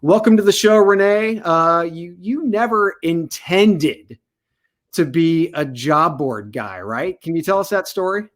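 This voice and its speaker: A U.S. man acts as host of an online panel, joking around casually in a slightly higher-than-average male voice. He's a little slow but lively in intonation, loose and energetic, frequently with a smile in his voice.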